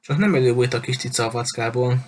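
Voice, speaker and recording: A man reading an audiobook voices a big menacing chauffeur who shouts and mocks. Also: medium pitch, recorded from a distance, a little hiss or hum, close to an everyday voice. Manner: loud, bullying, mocking. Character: huge brutish male chauffeur, menacing.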